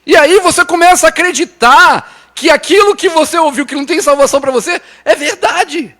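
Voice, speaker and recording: A male pastor with a São Paulo Brazilian accent preaching a sermon. He restarts and repeats words, keeps asking the congregation "né?", and moves between urgent raised lines and soft low ones. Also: brisk. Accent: Brazilian Portuguese, São Paulo.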